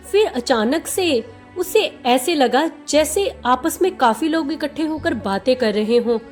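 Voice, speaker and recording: High-voiced woman narrating a story. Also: darkish tone. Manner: emotional, dramatic storytelling. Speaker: manhwa recap narrator.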